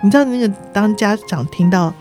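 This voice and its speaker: A middle-aged woman with a Taiwanese Mandarin accent, a nursing director guesting on a podcast, telling lively stories, acting out dialogue and laughing often. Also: medium pitch, fairly quick, faint music behind. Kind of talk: podcast interview.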